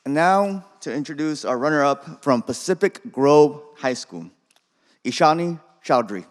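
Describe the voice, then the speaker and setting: A man's voice: fairly high pitch, lively intonation, moderate pace. A man hosting an event, giving brief formal introductions of each contestant. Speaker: event host. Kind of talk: announcing contestants. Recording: long hall reverb.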